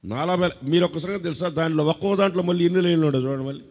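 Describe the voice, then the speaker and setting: A man's voice: fairly high pitch, racing, long reverb tail. A man with a Telugu accent preaching a sermon, teasing and quizzing his congregation and leading them in call-and-response. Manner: lively, teasing, quizzes the crowd and breaks into song. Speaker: pastor.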